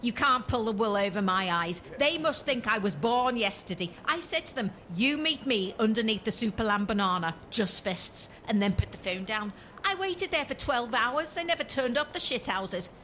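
A man's voice: sits high, expressive, moderate pace, pushed and bright, a little hiss or hum, pitched above the performer's own voice. A man doing a sweary woman politician. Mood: boastful. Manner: boastful, sweary, indignant. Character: foul-mouthed brash middle-aged female Liverpudlian politician.

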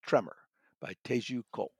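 A brisk man with a mid-range voice that is husky and a little mellow reviews audiobooks and contributes to a magazine, talking conversationally and emphatically while thoughtfully correcting himself as he goes. The sound is clean studio audio with no echo.

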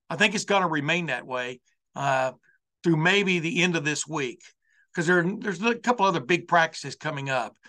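A man's voice: on the high side, pushed and bright. A man hosting a college football show with an unscripted monologue, folksy and rambling, often circling back over his phrases. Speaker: sports talk show host.

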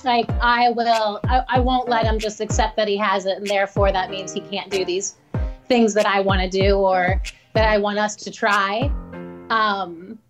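A woman's voice: mid-range voice, flat delivery, normal speed, over music. A woman guest telling stories in a frank, chatty way and laughing often. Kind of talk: casual interview storytelling.

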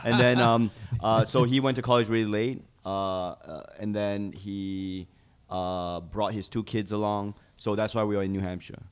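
Low-voiced Malaysian-born man telling stories. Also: flat delivery, moderate pace, clear, resonant tone. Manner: rambling storyteller with many fillers and restarts. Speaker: guest comedian. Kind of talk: casual podcast interview.

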